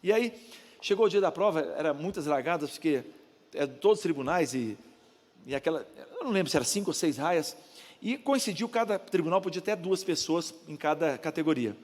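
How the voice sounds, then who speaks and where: Older man, Brazilian Portuguese accent, pastor, storytelling sermon, high voice, long church reverb. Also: animated, a little fast, darkish tone. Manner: storytelling, acts out the voices of others in his anecdotes.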